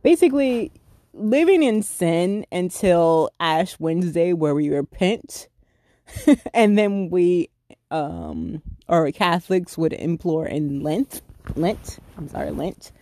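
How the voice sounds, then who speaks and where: A thirty-year-old podcast host rambles through a casual solo episode, correcting themself mid-sentence as the thoughts pile up. The voice sits at an ordinary middle pitch. It is recorded dry and close, with no room sound around it. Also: sing-song, slow, mellow, no room sound.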